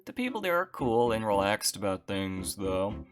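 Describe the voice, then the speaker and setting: A man's voice: lowish voice, big pitch swings, normal speed, soft background music. A young man giving a casual channel update to his viewers, wry and self-deprecating, with dry understatement.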